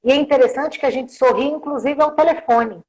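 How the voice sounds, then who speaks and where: A woman with a somewhat high voice talks as a guest on a live-streamed interview. She makes her points through everyday examples and keeps dropping small filler tags as she goes. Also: fairly quick, a little mellow, poor audio. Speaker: guest communication professional.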